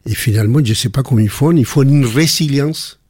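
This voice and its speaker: An older man speaking French with a foreign accent, telling personal stories in a relaxed conversation with frequent restarts. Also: mid-range voice, fairly quick, slightly rough, no echo, clean studio sound. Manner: warm anecdotal storytelling with frequent restarts. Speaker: guest. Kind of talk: casual conversation.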